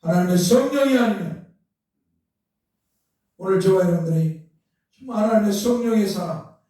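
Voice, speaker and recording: The preacher's voice is high-pitched and mellow, at normal speed, as he leads a sermon in a church sanctuary. He poses rhetorical questions and climbs to emphatic outbursts. A far-away mic captures the very echoey church hall.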